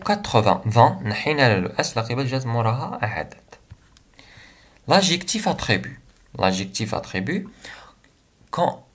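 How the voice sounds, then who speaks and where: A young man with an Algerian accent teaching a French grammar lesson, saying examples slowly and then translating them quickly into Arabic. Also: mid-range voice, fairly bright tone.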